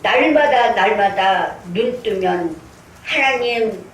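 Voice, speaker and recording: Slow and lively in intonation, this older pastor's mid-range voice carries her sermon and personal testimony, in which she earnestly tells her story and acts out her prayers. She's recorded in an echoey church sanctuary from a distant mic, with faint noise.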